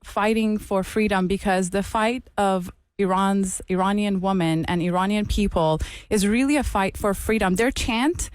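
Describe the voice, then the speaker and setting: A woman's voice: mid-range voice, normal speed, hardly any pauses, smooth, dry recording. A woman with a mid-range voice, recorded close and dry. She speaks earnestly as a guest advocate in a radio interview, stressing key phrases by repeating them. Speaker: interview guest, mental health clinician and activist. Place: radio studio.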